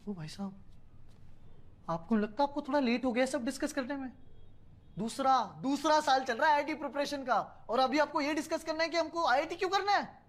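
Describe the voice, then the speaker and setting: A worried student friend. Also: male voice, very high-pitched, a little fast. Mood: sarcastic. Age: young adult. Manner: anxious, stammering on the phone, then consoling. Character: young male student, caring friend. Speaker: student preparing for entrance exams. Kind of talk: scripted series acting.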